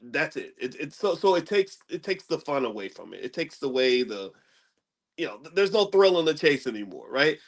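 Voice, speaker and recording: This middle-aged economics commentator talks about money ideas in an easygoing lecture style, wandering and restarting as he goes and frequently asking "right?". His voice is a little high, with big pitch swings, at a moderate pace.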